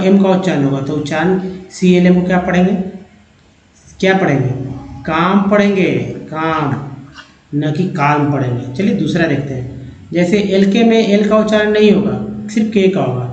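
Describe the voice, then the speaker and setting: A man teaching English reading, going through a slide part by part, slowly repeating each sound and word and calling his viewers friends. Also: high-pitched, darkish tone. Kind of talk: slide-based phonics lesson. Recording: echoey dull-sounding room recording.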